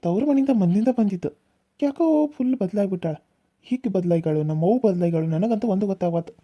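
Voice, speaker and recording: A young village husband in a cartoon reasons with his mother and wife in a coaxing, mildly exasperated way, voiced by a woman. The voice is mellow and quick, recorded close and dry. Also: mid-range voice, no echo, lightly acted. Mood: musing. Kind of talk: cartoon serial voice acting.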